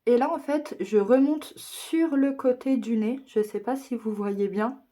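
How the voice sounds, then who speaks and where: A woman's voice: fairly high pitch, measured pace, mellow. Chatty young woman giving a makeup tutorial. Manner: chatty, self-deprecating, walks through each step. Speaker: beauty vlogger.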